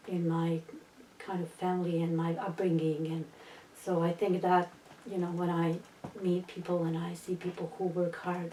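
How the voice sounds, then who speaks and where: A middle-aged woman from Bosnia tells her story in English, with frequent fillers and false starts. Her voice is low-set, mellow and fairly flat. She sits back from the mic in a roomy space with a faint hum of ambience. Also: distant mic. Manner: hesitant, many fillers and restarts. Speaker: interviewee. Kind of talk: recorded personal story.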